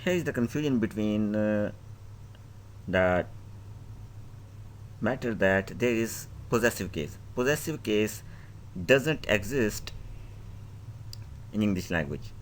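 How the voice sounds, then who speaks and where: Slow, low-voiced man teaching grammar. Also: animated, slight background noise. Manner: reads a definition, then restates it in his own words; lists words one by one with examples. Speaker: English teacher. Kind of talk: grammar lesson.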